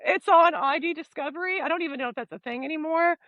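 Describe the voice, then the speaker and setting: A woman guest in an interview, speaking in a high voice with an easygoing, relaxed way of telling her stories. She laughs along readily, and the sound is dry with no room echo. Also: fast, narrow, tinny audio. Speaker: guest actress. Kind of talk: casual interview chat.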